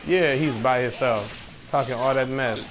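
A man's voice: medium pitch, normal speed, noisy background. A young man streaming a video game, chatting casually with slangy banter and laughing a lot. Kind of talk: casual gaming chat.

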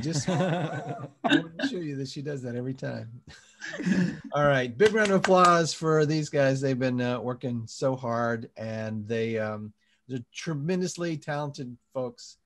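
A man with a medium-pitched voice hosts a live online comedy show over a video call, talking in a relaxed way and using lots of fillers.

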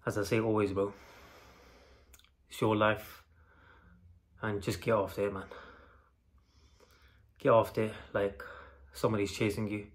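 A man's voice: on the low side, flat delivery, a little slow, pauses often. A man, out of breath after a gym session, giving a blunt, casual motivational talk and calling his viewers "bro". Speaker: vlogger.

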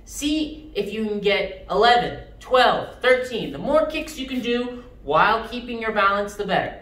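A young man teaching a children's karate class, giving sharp, clipped martial arts commands. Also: sits high, animated, normal speed. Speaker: karate instructor. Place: mid-sized indoor karate studio with matted floor. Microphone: distant camera. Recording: roomy, distant microphone, background noise.

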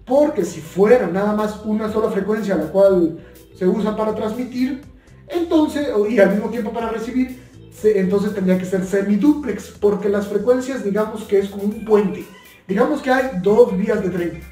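In an echoey, bare little room, a young adult man sits at a table and talks through a casual but earnest tutorial on two-way radios for his YouTube channel. His voice is high-pitched and warm, at a moderate pace, and he often goes back over his points in new words. The mic is distant, with faint music behind him.

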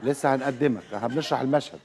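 A man's voice: medium pitch, racing, a little mellow. A man with an Egyptian accent running an audition as casting director, giving directions and teasing the candidate.

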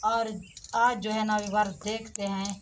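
A woman's voice: mid-range voice, level tone, a little slow. A middle-aged woman co-hosting a family vlog outdoors in a village courtyard, speaking plainly and matter-of-factly, filmed by a camera a few meters away. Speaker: vlog co-host, wife. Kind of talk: casual family vlog talk. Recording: outdoor recording with background noise.

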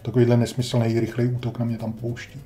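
A man's voice: medium pitch, monotone, dark tone, soft background music. A man casually commenting on his own retro game playthrough, wry and grumbling, talking to himself as he plays. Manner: wry, grumbling, talks to himself while playing. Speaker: gameplay commentator. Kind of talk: casual let's-play commentary.

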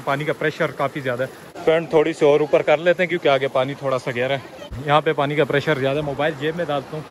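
A young man from Pakistan filming a casual travel vlog on a phone held at arm's length, chatting excitably outdoors on a trail and by a waterfall. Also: on the high side, background noise. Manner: chatty, excitable, often laughing. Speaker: vlogger.

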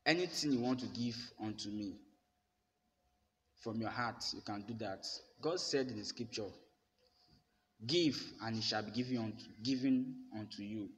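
A young man, a pastor, preaching a sermon to his phone camera in a bare room, with emphatic, repeated declarations. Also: lowish voice. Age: young adult. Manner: emphatic, repetitive declarations, slow deliberate delivery. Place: bare indoor room with plain walls. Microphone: phone held at arm's length. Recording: phone recording with long reverb and faint room noise.

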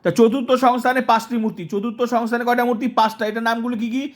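A man teaching an exam-prep lesson in a high voice, drilling terms by repetition. He fires off questions and answers them himself at a fast clip, repeating each term again and again. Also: level tone.

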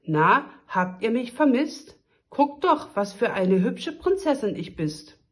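A woman reading aloud gives voice to a spoiled little princess in a storybook. She whines and shouts stubbornly, her voice climbing high and loud. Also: sing-song, takes it slowly. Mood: smug. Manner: whiny, stubborn, shrill outbursts.

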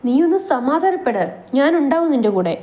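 A woman reading the lines of a troubled young man torn between two women, in a low, weary, soothing way. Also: sing-song, brisk, mellow. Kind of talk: storybook reading.

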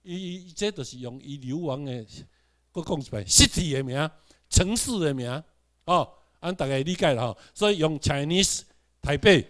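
Emphatic man lecturing a class. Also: on the high side. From Taiwan. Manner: rhetorical questions, leads the class in repeating words; swings between loud emphatic bursts and quiet asides.

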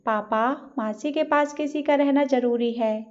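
A woman's voice: high voice, unhurried, a little mellow. A woman voicing a determined young woman who speaks earnestly and pleads for help. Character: determined young woman, worried for her family. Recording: dull lo-fi recording.

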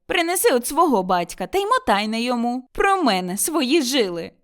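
A sharp-tongued older village mother-in-law from an audiobook, shrill and scolding, as a woman narrator puts her on. Her voice rides high and swings widely as she shouts. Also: sing-song, moderate pace. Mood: furious. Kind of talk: audiobook character voice.

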